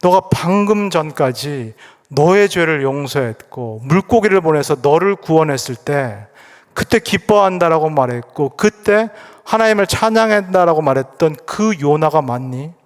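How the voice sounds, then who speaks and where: 남성 목사가 옮기는 점잖게 타이르는 하나님. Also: male voice, a little high, animated, normal speed, in a large hall, natural voice. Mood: gentle rebuke. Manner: gentle, questioning, reasoning. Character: God, calm patient questioning father.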